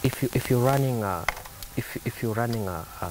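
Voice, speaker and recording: A Kenyan man showing the interior of his modified car in a casual interview, eager and quick to say yes, recorded inside a parked car. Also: mid-range voice, noisy background. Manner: eager, repeats "yes" often. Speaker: car enthusiast guest. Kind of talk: casual interview, mixing English and Swahili.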